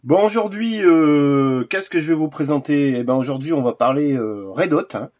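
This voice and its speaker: A man's voice: on the high side, moderate pace, darkish tone, lo-fi sound. A man hosting a casual unboxing video, talking hesitantly with lots of fillers and restarts. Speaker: gun accessory reviewer.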